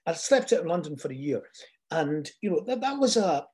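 An older man shares reflective personal stories. His voice sits high for a man and has a soft, mellow tone. He speaks haltingly, pausing often as he goes. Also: sing-song. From Scotland.

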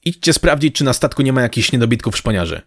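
A man voicing a tough, tired female ship captain who gives brisk commands. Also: mid-range voice, big pitch swings, no echo, studio quality. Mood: commanding.

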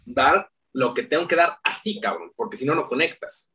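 A young man with a Mexican Spanish accent, a podcast guest telling stories in a slangy, animated way. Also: mid-range voice, moderate pace, recorded from a distance, slight background noise. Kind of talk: casual interview chat.

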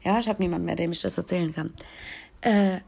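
A woman's voice: lowish voice, fairly even intonation, quick pace, creaky, darkish tone, slightly rough. A woman in her thirties hosting a podcast, delivering a blunt, crude, comedic rant in an exasperated tone. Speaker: podcast host.

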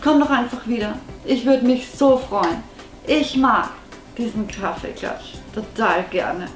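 A woman's voice: on the high side, expressive, a little slow. A woman vlogger in an earnest, effusive chatty monologue addressed straight to the viewer. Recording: echoey room with faint music behind.

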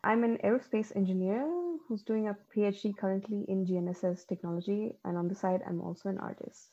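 A woman introducing herself slowly and deliberately as a panel guest. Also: mid-range voice, steady tone, mellow, lo-fi sound. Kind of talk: self-introduction.

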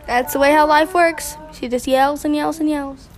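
A woman's voice: sits high, fairly even intonation, normal speed. A teenage girl hosting her own podcast, chatty and dramatic as she interviews family. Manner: chatty, dramatic, laughs easily. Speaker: podcast host.

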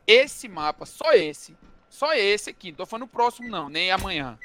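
A Brazilian man talks quickly and with lively, animated pitch in casual gaming chat. His voice is bright, and he coaxes his friends with repeated phrases. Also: slight background noise. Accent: Brazilian Portuguese.

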